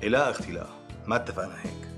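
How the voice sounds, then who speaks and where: An actor as a bright, rapid scolding brother. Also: male voice, lowish voice, faint music behind, close to an everyday voice. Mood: angry. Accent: Syrian Arabic. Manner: scolding, indignant. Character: angry, controlling brother-in-law.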